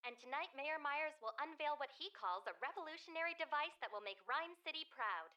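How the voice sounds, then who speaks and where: A woman's voice: high-pitched, expressive, brisk, pushed and bright. A woman playing a polished, upbeat TV news reporter in a video game.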